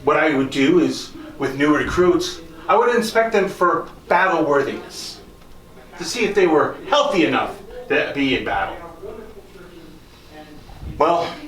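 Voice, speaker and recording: This man's voice is medium in pitch and a little bright. As a costumed tour guide performing live in an echoing space, he takes on the role of a proud 19th-century country doctor of genteel manner, telling his life story to the audience in a folksy, theatrical way, reminiscing and eventually grieving.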